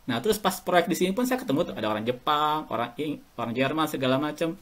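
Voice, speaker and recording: A man's voice: a little high, expressive, quick pace, fairly bright tone. A middle-aged Indonesian man, a guest in a casual podcast interview, telling anecdotes and chuckling as he talks. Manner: chatty and anecdotal, chuckles while talking. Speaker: guest alumnus.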